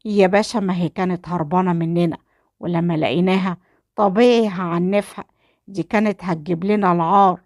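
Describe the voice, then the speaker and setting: A woman's voice: lowish voice, fairly even intonation, fairly quick, a little mellow, no echo, studio quality, close to an everyday voice. A woman reading the lines of a frightened young man pleading excuses to an officer, with an Egyptian accent. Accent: Egyptian Arabic. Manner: fearful, whining excuses. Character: bullying young male brother, scared and pleading.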